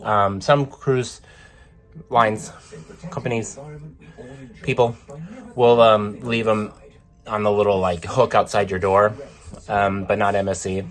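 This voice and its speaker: A man's voice: on the low side, little pitch movement, takes it slowly, pauses often. A slightly out-of-breath man vlogging casually from a ship cabin, rambling with many ums. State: a little out of breath. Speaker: travel vlogger. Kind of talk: casual vlog to camera.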